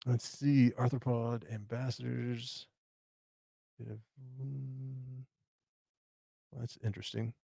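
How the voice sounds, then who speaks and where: A man's voice: mid-range voice, steady tone, slow pace, gravelly, long pauses, mellow, breathy edge, no echo, clean studio sound. A man hosting a live stream, casually rambling through viewer questions with lots of fillers and restarts. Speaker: tarantula channel host.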